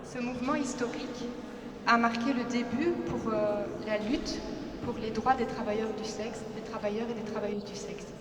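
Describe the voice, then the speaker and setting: A woman's voice: a little high, steady tone, a little fast. A woman giving an earnest statement, with hesitations. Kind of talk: spoken statement. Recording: echoey hall from far off, noise.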